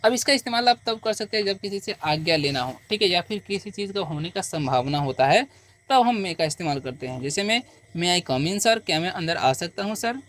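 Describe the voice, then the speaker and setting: A man teaching beginner English, explaining slowly and patiently and answering his own questions again and again. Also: sits high, lively intonation, fairly bright tone. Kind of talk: beginner language lesson.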